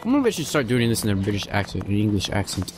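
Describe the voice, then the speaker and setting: A man's voice: on the low side, wildly swooping pitch, fast talker, over music. Goofy young man commenting on a game. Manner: joking, goofy, chatty. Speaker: let's play host. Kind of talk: casual gameplay commentary.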